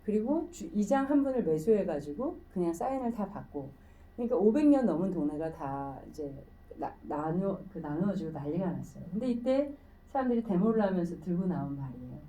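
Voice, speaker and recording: Animated woman lecturing in a room. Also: fairly low pitch, fairly quick, distant mic, rough recording. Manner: lively, conversational storytelling with rhetorical questions. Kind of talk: public lecture.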